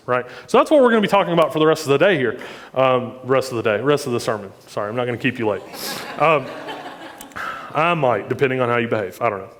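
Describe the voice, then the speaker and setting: A man's voice: on the high side, long reverb tail. A man preaching a sermon in a conversational way, with joking asides and frequent questions to the congregation. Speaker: pastor.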